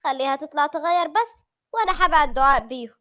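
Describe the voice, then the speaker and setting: A woman's voice: high voice, animated, fast talker, sharp tone, no echo, studio quality. A woman with an Egyptian accent voicing a sad, loving middle-aged mother who speaks tenderly and pleadingly. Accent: Egyptian Arabic.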